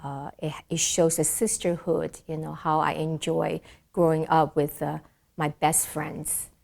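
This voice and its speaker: A woman's voice: low-pitched, level tone, measured pace, creaky, darkish tone. A middle-aged woman from Taiwan, a choreographer and dancer, answering interview questions thoughtfully with many fillers and restarts. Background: music.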